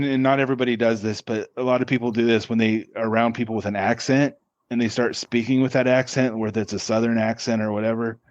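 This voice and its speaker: A man's voice: mid-range voice, no room sound, lo-fi sound. A man, a podcast guest, answering interview questions casually, often stopping and restarting his words. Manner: halting, with many restarts and repeated words.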